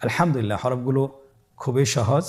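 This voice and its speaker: A man's voice: mid-range voice, animated, fairly quick, a little mellow. A man with a Bangladeshi Bengali accent teaching beginners Quran recitation, patiently drilling and drawing out each letter.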